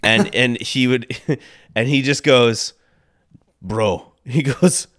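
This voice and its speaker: A man on a podcast, telling a story in casual chat, rambling and swearing, with loud acted-out quotes. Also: mid-range voice, slow. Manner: rambling, swearing, laughing, acts out quotes loudly. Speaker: podcast co-host. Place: Los Angeles.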